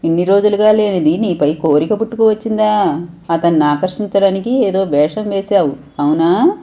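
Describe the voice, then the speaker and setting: A woman's voice: on the low side, expressive, normal speed, mellow, lightly acted. A woman voicing a domineering, suspicious older mother-in-law who scolds and threatens harshly. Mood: scolding.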